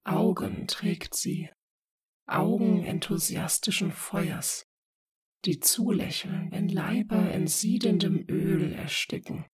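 A reader narrating dark poetic passages slowly in a hushed, whispery voice. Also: medium pitch, husky. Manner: slow, hushed and whispery reading. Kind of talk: scripted narration.

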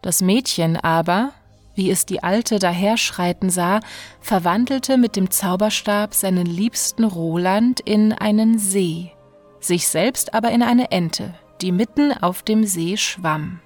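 A woman narrating a fairy tale in a slow, steady, even storytelling manner. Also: mid-range voice, soft background music.

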